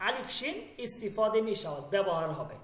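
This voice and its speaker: A man's voice: high-pitched, very animated, a little fast. A man with a Bangladeshi Bengali accent teaching an online language lesson, explaining step by step and often checking that students understand. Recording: echoey room.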